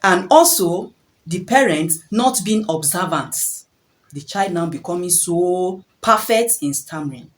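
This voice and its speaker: A woman's voice: on the low side, expressive, unhurried, low-quality recording. A woman giving parenting advice in an earnest, preachy way, repeating phrases and asking rhetorical questions. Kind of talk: preachy advice talk to camera.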